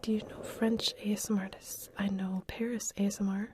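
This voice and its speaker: Softly whispering woman, mellow ASMR host. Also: mid-range voice, flat delivery, brisk, slight background noise. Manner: soft unvoiced whisper, reading out chat questions and answering them; chatty with frequent fillers and restarts. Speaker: ASMR channel host answering live chat. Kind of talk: whispered ASMR live stream Q&A. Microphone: ASMR microphone with wind guards.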